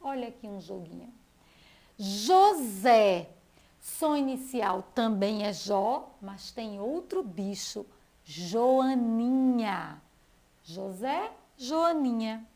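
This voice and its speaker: A woman teacher with a Brazilian Portuguese accent giving a school TV lesson for young children, slowly stretching out names and syllables. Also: fairly high pitch, animated, darkish tone.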